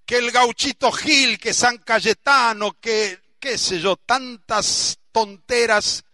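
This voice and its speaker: High bright-voiced Argentine preacher. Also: male voice, fairly even intonation, slow, no room sound, studio quality. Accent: Argentine Spanish. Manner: emphatic preaching, bursts of shouting on key words, drops low for asides. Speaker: pastor. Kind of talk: sermon.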